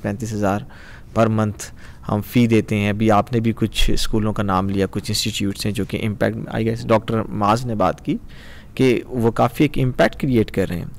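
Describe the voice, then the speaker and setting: A man hosting a podcast, asking questions in a hesitant way with frequent pauses and English phrases mixed in. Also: on the low side. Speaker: podcast host. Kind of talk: conversational podcast interview.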